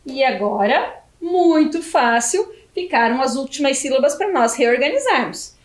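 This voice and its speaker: A Brazilian Portuguese woman teaches young children in a video lesson. Her voice sits high and swoops up and down a lot, and she draws words out syllable by syllable. It sounds like a roomy, echoey space. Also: animated. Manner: slow, stretched syllables when spelling out words. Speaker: primary school teacher.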